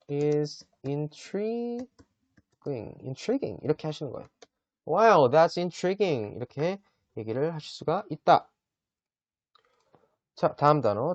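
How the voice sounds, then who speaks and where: A man teaching English vocabulary in a casual lesson, chatty and often checking in with his listeners, sounding words out slowly. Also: fairly high pitch, a little mellow, no room sound, muffled recording. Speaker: English tutor.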